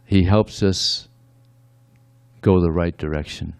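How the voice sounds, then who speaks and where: A man's voice: low-pitched, steady tone, slow pace, creaky, clear, resonant tone, no echo. A man giving a conversational devotional sermon, often adding "yeah" between points. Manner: conversational, frequent "yeah" asides. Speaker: speaker at a temple.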